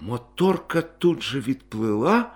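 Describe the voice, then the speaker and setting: A man narrating a story aloud in an expressive reading style that rises and grows loud in tense moments. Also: medium pitch, slow pace, breathy edge, faint music behind.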